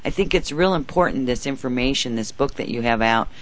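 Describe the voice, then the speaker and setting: Effusive woman hosting, low-pitched. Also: animated, fairly quick. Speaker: talk show host. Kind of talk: radio talk show presenting.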